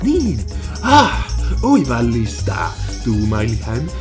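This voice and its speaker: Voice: mid-range voice, big pitch swings. Sing-song spoof advert voice over music. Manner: sing-song, drawn-out delivery. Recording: voice over loud background music.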